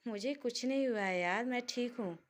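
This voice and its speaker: A woman voicing a gentle young wife who soothes her friend in a spoken story. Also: fairly high pitch, normal speed, natural voice. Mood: soothing. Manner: soothing, placating.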